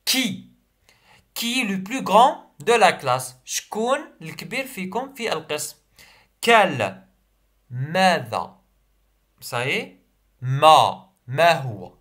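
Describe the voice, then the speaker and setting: A young man with an Algerian accent, teaching a primary school French revision lesson. He reads each sentence slowly, repeats it, and then translates it. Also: on the high side, big pitch swings, a bit bright.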